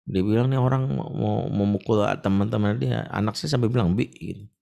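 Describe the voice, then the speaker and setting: A middle-aged man from Indonesia, giving an Islamic lecture full of stories and acting out shouting voices. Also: fairly low pitch, brisk, creaky. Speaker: preacher.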